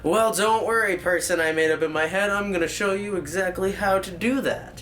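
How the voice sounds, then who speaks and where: A man's voice: high-pitched, moderate pace, fairly bright tone, soft background music. Rambling man teaching a casual tutorial. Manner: rambling, professor-like explaining with tangents and self-corrections. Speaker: tutorial host. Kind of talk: casual, joking hands-on tutorial.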